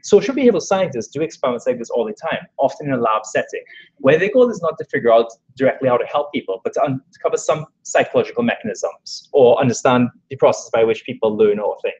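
A man's voice: mid-range voice, expressive, fast, darkish tone, slightly rough. A man from Trinidad and Tobago with a Trinidadian accent, giving a research talk as an assistant professor at an academic workshop, explaining with frequent "you know" and "kind of". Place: lecture room at a workshop. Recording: dull lo-fi lecture recording.

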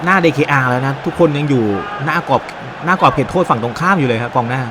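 A gaming YouTuber with a Thai accent delivers excited play-by-play commentary on a football video game, full of exclamations. His mid-range voice moves fast over a noisy background.

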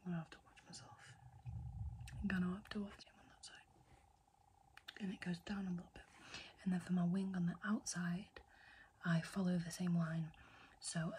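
A woman's voice: lowish voice, little pitch movement, fairly quick, darkish tone, a little hiss or hum. A young woman whispering a chatty ASMR makeup tutorial, rambling and often correcting herself. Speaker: ASMR creator.

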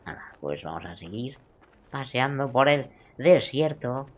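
A man, doing let's play commentary over a video game, jokey and swearing, muttering then suddenly shouting. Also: medium pitch, big pitch swings, measured pace, dull audio. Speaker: gaming video creator.

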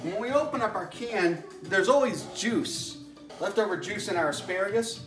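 A man's voice: high voice, animated, moderate pace. A middle-aged man talks through a recipe at his kitchen counter, folksy and step-by-step. He is heard from a camera a few steps away, with faint music underneath at times. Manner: folksy, step-by-step explaining while stirring. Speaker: home cooking show host. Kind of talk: casual cooking demonstration. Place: home kitchen indoors.

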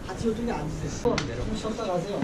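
A man's voice: high voice, very animated. An older man inside a mountain cave, politely welcoming hikers and urging them to sit and rest, his voice echoing off the cave walls. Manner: rapid, courteous, urging people to sit and rest. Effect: cave echo. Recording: echoey cave, distant, loud noise.

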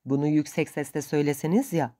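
A woman voicing a greedy, sharp-tongued male boatman who answers back in quick, defiant retorts. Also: low-pitched, fairly even intonation, close to an everyday voice.

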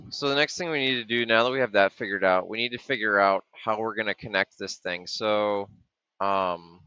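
Low, bright-toned man thinking aloud. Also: moderate pace, smooth, dry recording. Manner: thinking aloud, with many ums and trailing restarts. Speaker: maker explaining a project. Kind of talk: casual screen-share walkthrough. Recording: dull, dry lo-fi webcam audio.

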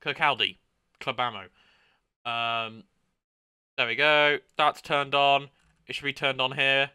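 A chatty man commentates on a train simulator stream, greeting viewers and tossing in playful exclamations. His voice is very bright and edged, smooth and clear, and it sits close and dry on the mic with no room sound. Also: medium pitch, steady tone, slow, no echo. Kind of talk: casual gameplay commentary.

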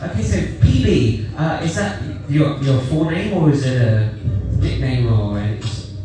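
A man's voice: mid-range voice, expressive, a little slow, noisy background. A man hosting a live game show on a theater stage, teasing the contestant and laughing often. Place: large theater stage on a cruise ship. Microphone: handheld mic heard from the audience. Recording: echoey theater with music and crowd, from far off.

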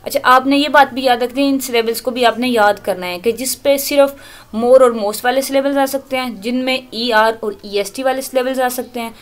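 A woman lecturer explains English grammar in Urdu, her voice sitting a little high. She slows right down to read each English example aloud and often stops to correct herself. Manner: corrects herself mid-sentence. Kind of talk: recorded lecture.

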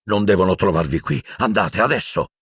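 A hulking, soft-hearted gamekeeper in an audiobook, as a man lowers and slows his voice. He speaks gravely and roughly in deep, unhurried words. The sound is dry and close. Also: expressive, no echo, exaggerated voice. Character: huge gentle gamekeeper, grown man, fearful.

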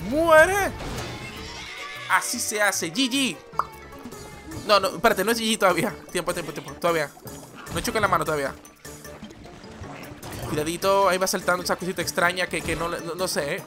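A man giving excitable, rambling let's-play commentary as a gaming channel host, yelling at the game as he plays. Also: sits high, brisk, pauses often. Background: game music.

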